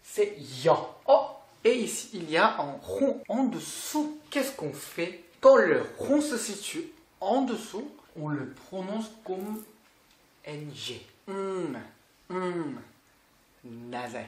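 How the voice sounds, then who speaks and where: Recorded with roomy echo, an online lesson is led by a patient Korean-native tutor from South Korea. Her delivery is unhurried and her pitch lively, and she often repeats sounds and checks that the student is keeping up.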